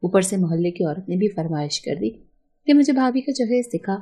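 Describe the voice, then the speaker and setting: A woman's voice: mid-range voice, expressive, mellow. A woman narrating a first-person family story, read aloud steadily and plainly.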